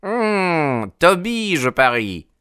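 A man voicing a gruff old animal keeper who shouts threats, then turns friendly. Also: fairly high pitch, big pitch swings, drawn-out words, no room sound, clean studio sound, voice pushed up, exaggerated voice.

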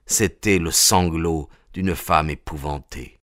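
A man narrating a novel as an audiobook in a measured, literary way. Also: a bass voice, fairly bright tone, dry recording, studio quality.

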